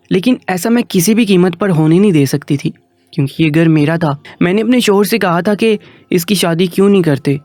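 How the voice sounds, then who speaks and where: A man narrating a written first-person story in a steady, even reading manner. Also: on the high side, dry recording.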